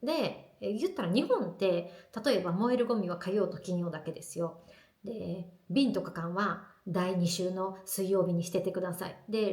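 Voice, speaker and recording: A woman vlogging in casual chat to the camera, telling stories in a lively, chatty way. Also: on the low side, roomy sound.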